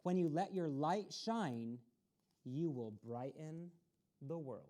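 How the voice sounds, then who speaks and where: On a community access TV storytime, a woman reads a picture book aloud to children in a low, warm, animated voice. She speaks slowly, addressing the kids directly and encouraging them.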